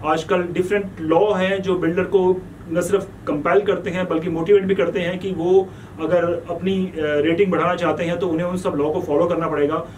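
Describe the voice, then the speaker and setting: Male host wrapping up a panel, earnest and advisory, high voice, heard from a distance. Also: little pitch movement, normal speed, darkish tone, a little hiss or hum. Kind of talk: panel discussion wrap-up.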